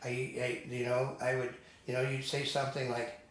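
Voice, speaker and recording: A man's voice: mid-range voice, completely flat delivery, normal speed. An older man co-hosts a casual talk, wandering from story to story and stating his views firmly. His voice sits mid-range and rings in a reverberant room with a light hiss behind it. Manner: digressive storyteller, firm opinions. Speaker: co-host. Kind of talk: casual discussion. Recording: echoey room with faint noise.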